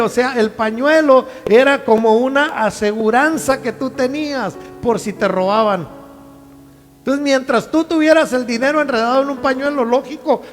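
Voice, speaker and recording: High-voiced man preaching conversationally. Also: fairly bright tone, big-room sound. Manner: conversational preaching with many rhetorical questions. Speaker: pastor. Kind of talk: sermon.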